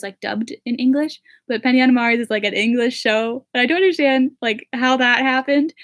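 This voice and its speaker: A young woman in her late teens answering viewer questions in a casual chat, with lots of "like" and "um" fillers. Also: on the high side. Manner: chatty, full of "like" and "um" fillers.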